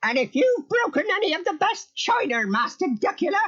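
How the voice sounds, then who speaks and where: Fussy old nanny, squawky high, scolding, kids cartoon tape, muffled. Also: big pitch swings, normal speed, fairly bright tone, full character voice. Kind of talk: children's cartoon audio story acting. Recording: muffled old audio cassette.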